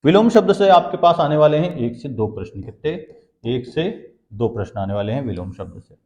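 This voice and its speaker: A man's voice: mid-range voice, animated, normal speed, darkish tone. Man teaching Hindi grammar, echoey room. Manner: asks the class questions and answers them himself, repeats key terms. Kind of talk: exam-prep lecture. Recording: dull, echoey classroom sound.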